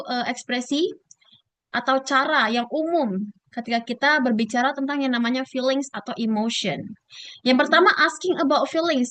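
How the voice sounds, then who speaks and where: A woman with an Indonesian accent teaching an online English class, mixing English with Indonesian and slowly repeating words to model their pronunciation. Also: high voice, fairly bright tone, dry recording.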